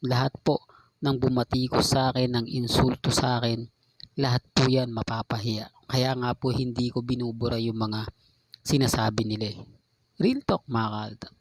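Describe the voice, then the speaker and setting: A man's voice: medium pitch, flat delivery, moderate pace, no echo, rough recording. A man hosting his own fan channel, giving casual update talk straight to his viewers in a polite, insistent way.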